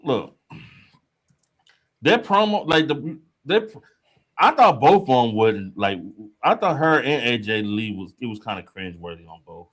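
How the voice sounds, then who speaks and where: A man's voice: mid-range voice, sing-song, measured pace, a bit bright. A man co-hosting a livestream over a video call, talking casually and searching for his words. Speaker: livestream co-host. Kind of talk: casual chat.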